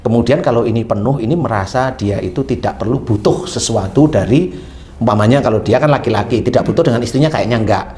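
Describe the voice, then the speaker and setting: A man preaching a slight touch, telling a story in a lively way. His voice is mid-pitched, and he acts out both sides of a conversation. Faint room noise sits behind him. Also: fast talker. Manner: animated, acts out dialogue with a patient. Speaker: Islamic preacher. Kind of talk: sermon storytelling.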